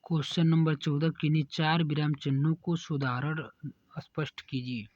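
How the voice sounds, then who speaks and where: A man who teaches, reading exam answers aloud in a steady dictation-like way and correcting himself now and then. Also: on the high side, moderate pace, muffled recording.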